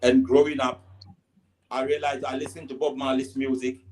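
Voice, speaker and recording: A Ghanaian man speaks as a reggae artist being interviewed, in plain, steady conversation. His voice sits at a middle pitch, with a Ghanaian accent. He keeps dropping "you know" and trips into repeating a word before finishing his thought. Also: normal speed, low-quality recording. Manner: many "you know" fillers, repeats and stammers on words. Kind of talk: casual interview answers.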